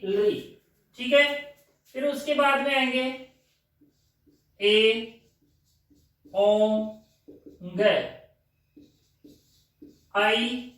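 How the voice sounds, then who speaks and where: A man's voice: very high-pitched, pushed and bright, very echoey, far from the mic. A man teaching Sanskrit grammar, drilling sounds one by one and asking questions he answers himself. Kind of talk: classroom grammar lesson.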